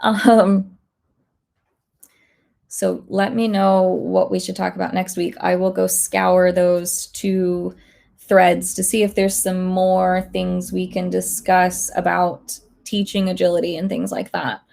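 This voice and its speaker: A woman instructor casually chatting on a livestream, a bit hoarse as she loses her voice, thinking aloud with lots of fillers. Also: fairly low pitch, level tone, measured pace, a little mellow. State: slightly hoarse, losing her voice. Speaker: online instructor.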